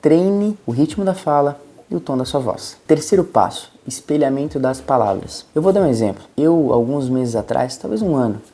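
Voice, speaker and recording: A man's voice: fairly high pitch, lively intonation, normal speed, dark tone. A man with a Brazilian Portuguese accent, giving a patient, step-by-step lesson as a communication coach. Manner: patient, encouraging, explains step by step. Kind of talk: instructional talk to camera.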